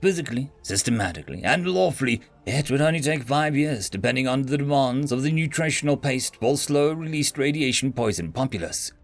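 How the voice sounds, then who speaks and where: A man's voice: mid-range voice, lively intonation, a little fast, few pauses. A man voicing a stammering young human shareholder who pleads, then talks like a scheming businessman. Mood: businesslike.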